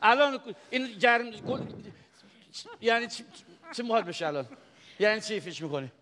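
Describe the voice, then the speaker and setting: High-pitched brash comic man on stage. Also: expressive. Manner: brash, loud comic delivery with sudden voice jumps. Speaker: comedian playing a wiring electrician. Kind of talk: stage comedy sketch. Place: TV studio stage. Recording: stage sound in a reverberant hall.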